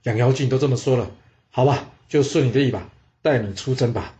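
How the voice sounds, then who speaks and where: A man voicing a cautious male chief minister who speaks in a measured, reasoning way. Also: mid-range voice, mellow, lo-fi sound, natural voice.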